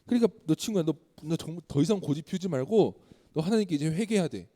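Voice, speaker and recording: A man's voice: a little high, expressive, fast, mellow, long reverb tail. A man voicing Job's preachy male friends. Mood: insistent. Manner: lecturing, insistent.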